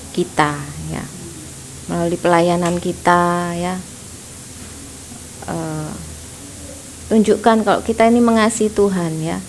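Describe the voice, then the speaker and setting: Woman preacher, unhurried gentle sermon delivery, frequent "ya" tags, faint background hiss. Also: mid-range voice, low-quality recording. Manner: slow, gentle, tags nearly every phrase with "ya". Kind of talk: sermon at a prayer service. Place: church.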